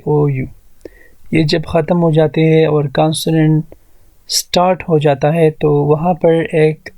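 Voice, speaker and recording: A male teacher walks through a grammar lesson at a slow, deliberate pace, breaking words into syllables one at a time. His voice sits a little high. The recording is dry and close, with no room sound. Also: darkish tone, no room sound. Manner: mixes Hindi-Urdu explanation with read-out English rules. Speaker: English teacher.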